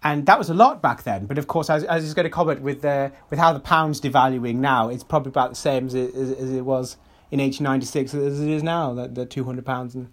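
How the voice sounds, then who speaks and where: A man co-hosting a comedy podcast, halting and stammering through his sentences with lots of fillers and laughter. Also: medium pitch, fairly even intonation. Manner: halting, stammering, many repeated words and fillers; breaks into laughter often. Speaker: podcast co-host.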